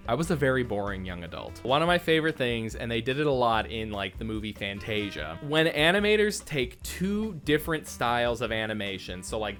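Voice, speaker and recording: A man's voice: medium pitch, bright, forceful tone. A man in his thirties giving casual, enthusiastic, nostalgic commentary as a cartoon reviewer.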